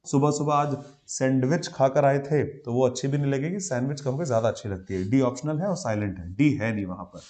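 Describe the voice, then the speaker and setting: Man, indian english accent, teacher, live class lecture, medium pitch, hindi-english mix. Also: a little fast, few pauses, a little mellow. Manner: explains in a Hindi-English mix, greets students by name.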